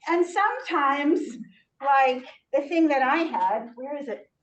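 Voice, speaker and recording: A woman's voice: expressive, a little slow. Muffled, masked middle-aged woman in echoey room. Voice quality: muffled by a face mask. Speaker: ministry trainer leading a teacher training. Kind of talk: informal workshop talk. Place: echoey room, speaking to a group. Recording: muffled, echoey room recording, distant mic, rumble.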